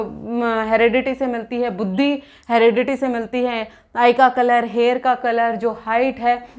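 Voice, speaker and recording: High-voiced woman teaching an exam lesson. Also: darkish tone. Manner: explains by asking questions and answering them; restates terms in both English and Hindi. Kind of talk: exam-prep lecture.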